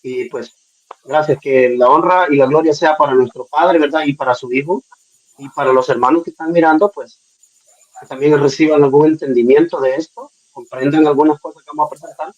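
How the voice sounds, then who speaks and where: A man's voice: a little high, fairly even intonation, brisk, highs cut off. A man, a preacher, speaking hesitantly with many fillers in an online debate. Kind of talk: debate participant.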